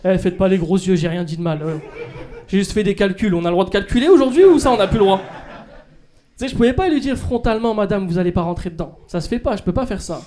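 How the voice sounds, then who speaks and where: Cheeky high-voiced man doing stand-up. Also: fast talker, darkish tone. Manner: cheeky, teasing the audience. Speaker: stand-up comedian. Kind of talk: stand-up routine. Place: comedy club stage. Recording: noisy club recording.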